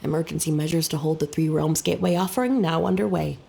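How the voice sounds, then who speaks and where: A woman voicing a deferential, measured military aide in a video game, speaking formally. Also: sits low, creaky, mellow.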